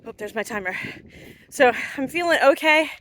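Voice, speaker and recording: High-voiced woman vlogging while running a trail. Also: animated, moderate pace, a bit bright. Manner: chatty, unscripted, thinking aloud. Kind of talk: casual selfie vlog check-ins. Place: outdoors on a trail. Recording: noisy outdoor handheld recording with clicks.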